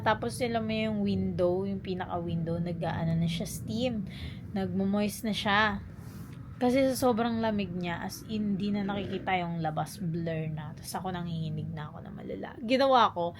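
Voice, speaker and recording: A young woman vlogger telling a story casually, chatty and animated, mixing in English phrases. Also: mid-range voice, background noise.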